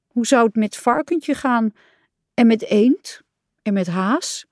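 A woman's voice: a little high, expressive, a little slow, no echo, studio quality, voice pushed up. A woman voicing a small, timid male frog who whines and complains in a storybook. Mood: plaintive. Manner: plaintive, complaining.

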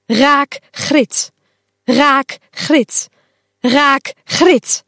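A competitive little witch girl from a children's storybook, as a woman reads her, muttering her thoughts slowly and close, with a dry sound. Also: high-pitched, steady tone, a bit bright, dry recording, exaggerated voice. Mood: determined.

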